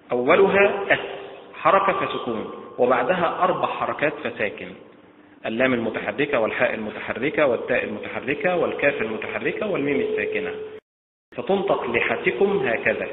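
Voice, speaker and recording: A man delivers a Quran recitation lesson at a mid pitch, working methodically through word after word and repeating each one to set the right stress against the wrong ones. The audio is thin and phone-like, with a lingering room echo and a faint hiss underneath. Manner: methodical, drills words by repeating contrasting pronunciations. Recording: tinny phone-like audio in a roomy echoing space.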